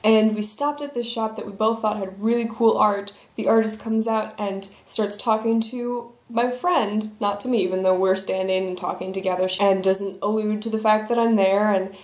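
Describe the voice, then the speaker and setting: A woman's voice: medium pitch, fairly even intonation, normal speed, hardly any pauses, darkish tone, roomy sound. A young woman telling embarrassing stories in a wry, self-deprecating way. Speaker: vlogger. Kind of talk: storytelling vlog.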